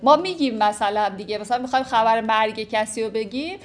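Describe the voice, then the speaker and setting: A woman teaches a class on classical poetry. She reads each verse slowly and deliberately. Then she unpacks its meaning in an easy, chatty way. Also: fairly high pitch, slight background noise. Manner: recites verses slowly, then explains them conversationally. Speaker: literature teacher. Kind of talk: lecture explaining classical Persian poetry.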